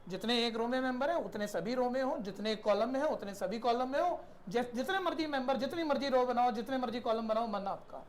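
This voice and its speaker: A man's voice: very high-pitched, fairly quick, hardly any pauses, slight background noise. A man teaching a math class in a conversational lecture style, often checking in with his students and asking them questions.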